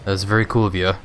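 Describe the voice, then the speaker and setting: A man's voice: lowish voice, fairly bright tone. A man casually chatting with viewers while playing a racing game on a live stream, laid-back and laughing often.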